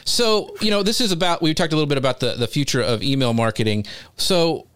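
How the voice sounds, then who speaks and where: A man's voice: fairly high pitch, animated, fast talker, fairly bright tone, clear, resonant tone, no room sound, clean studio sound. A man hosting a casual live show, asking meandering, informal questions with a self-deprecating streak. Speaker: interviewer, show host.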